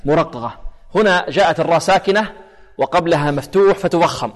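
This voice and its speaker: A man teaching Quran recitation rules, explaining and then slowly demonstrating letters and verses. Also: on the high side. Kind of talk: tajweed lesson with recited examples. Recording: long hall reverb.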